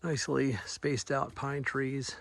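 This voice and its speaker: A man's voice: mid-range voice, little pitch movement, slow pace, creaky, a bit bright. A man talking casually to his camera as he hikes, in an understated, musing and informal way. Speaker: hiker filming a trail vlog. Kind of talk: casual outdoor vlog narration. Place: outdoors on a mountain trail in wet, windy weather. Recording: noisy outdoor recording with wind and rain.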